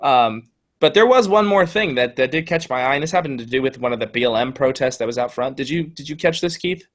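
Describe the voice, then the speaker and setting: A man from California co-hosting a casual political talk show. He chats loosely and tells stories, acting out what other people said. His voice sits at an ordinary middle pitch. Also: lively intonation, fast talker. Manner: chatty, storytelling with acted-out quotes. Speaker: podcast co-host.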